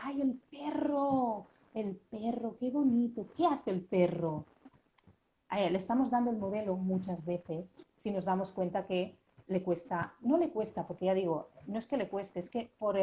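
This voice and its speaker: A woman's voice: medium pitch, a little mellow. Woman explaining speech sounds patiently. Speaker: child speech therapist and linguist. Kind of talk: explanatory conversation.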